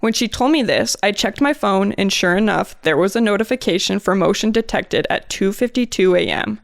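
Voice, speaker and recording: A woman's voice: medium pitch, expressive, normal speed, vocal fry, no room sound, clean studio sound. A young woman co-hosting a podcast, chatting casually and reading listener stories aloud with a giggly, chatty manner. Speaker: podcast co-host.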